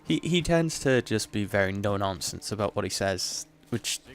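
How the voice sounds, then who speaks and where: A man's voice: lowish voice, expressive, moderate pace, slight background noise. A man giving casual commentary as he plays a video game. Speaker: let's play commentator.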